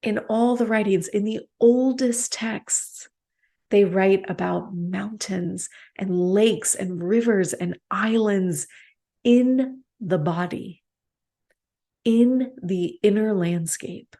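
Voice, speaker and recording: Slow, gentle woman giving a meditation talk. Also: mid-range voice. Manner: gentle, unhurried, with soft pauses. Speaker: meditation teacher. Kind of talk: slow reflective dharma talk.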